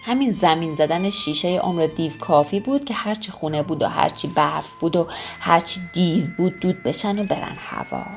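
A woman telling a folk tale to listeners in an expressive, sing-song storyteller's manner. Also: fairly low pitch, gravelly, soft background music.

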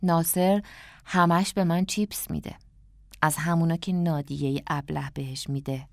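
A woman's voice: sits low, steady tone, vocal fry, no echo, clean studio sound. A woman voicing a proud, stubborn five-year-old girl who speaks in an insistent, boastful way.

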